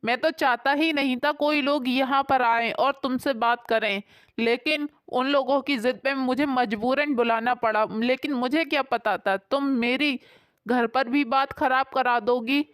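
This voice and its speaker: A woman's voice: high voice, fairly even intonation, a little slow, clean tone, dry recording, clean studio sound. A woman voicing an irritable young husband who scolds his wife in firm, stern lines. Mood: scolding. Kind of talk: storybook voice acting.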